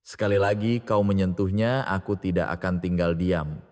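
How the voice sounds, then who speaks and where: A man's voice: low voice, moderate pace, a little mellow, lightly acted. A man voicing a cold, firm young husband and father protecting his family, in a storybook reading with long reverb.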